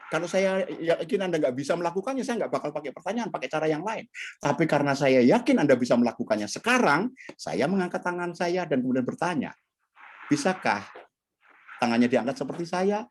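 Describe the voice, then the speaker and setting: Animated man leading a training. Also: fast talker. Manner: animated, swings pitch widely, addresses audience directly. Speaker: communication trainer. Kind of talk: online training session with shared slides.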